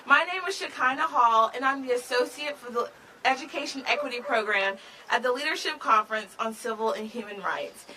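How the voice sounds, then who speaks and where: Woman, rally speech, MC, formal and emphatic, highish forceful voice, faint noise. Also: fairly quick, low-quality recording. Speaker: rally MC and advocate. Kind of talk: rally speech, prepared remarks. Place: outdoor rally, speaking to a crowd.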